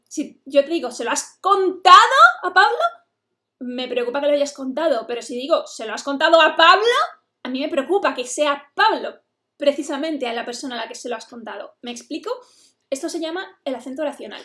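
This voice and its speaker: A woman English teacher, patiently explaining a lesson. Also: high-pitched. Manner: explains patiently, switching between English and Spanish.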